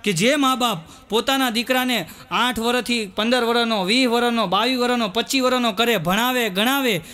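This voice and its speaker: A man performing stand-up comedy, telling jokes and sometimes singing verses slowly. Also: very high-pitched, sharp tone. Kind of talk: live Gujarati comedy show with jokes and sung verses. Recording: live stage recording with audience and noise.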